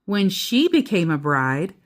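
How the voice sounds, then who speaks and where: A woman with a fairly low, sing-song voice reads a children's book to listeners. She speaks in short, deliberate phrases, pausing between them, and slips in casual asides.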